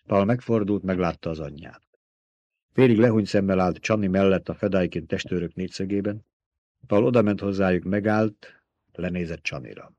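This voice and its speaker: A man narrating an audiobook in a steady, even storytelling manner. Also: deep voice, dry recording, muffled recording. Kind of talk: scripted narration.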